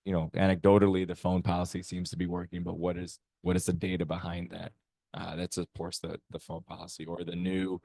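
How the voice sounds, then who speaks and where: A hoarse man, losing his voice, giving a steady report as a teacher representative at a council meeting. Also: sits low. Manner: steady, level report with frequent pauses.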